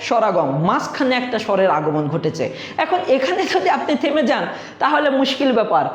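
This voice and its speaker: A man gives an exam-prep grammar lesson in a high voice for a man. He keeps asking the viewers questions and answers them himself. The sound is echoey, as if recorded in a bare room. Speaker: teacher.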